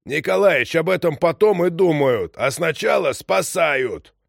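Guy doing a stern old ship engineer, high and scolding, very dry sound. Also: animated, measured pace, creaky, dry recording, exaggerated voice. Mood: insistent. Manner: scolding, insistent, raised voice. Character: old gruff male ship's engineer, stubborn and moral.

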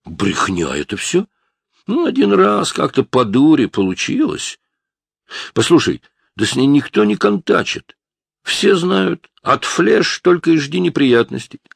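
A cocky, sneering teenage punk in an audiobook, pitched up high and loud, throwing rude slang at the police. A man with a gravelly, husky voice puts him on. The sound is close and dry. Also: very animated, measured pace, dry recording, exaggerated voice. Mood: insolent. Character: brash insolent teenage boy suspect.

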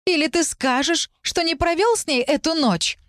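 A woman reading the lines of a calm, cold young woman student in an audiobook, in a composed and slightly mocking way. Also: mid-range voice, moderate pace, no echo, clean studio sound, close to an everyday voice. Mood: hysterical shouting. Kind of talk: audiobook dialogue.

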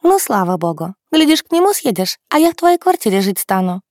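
A woman's voice: medium pitch, sing-song, a little fast, darkish tone, no room sound, clean studio sound, close to an everyday voice. Woman doing a cheeky chatty younger sister. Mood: eager.

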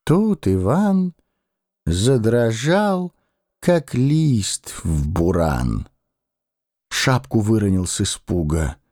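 A man giving a dramatic, rhythmic reading of a verse fairy tale in a lively, expressive way. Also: lowish voice, drawn-out words, dry recording. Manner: rhythmic, expressive, voices each figure. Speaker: storyteller.

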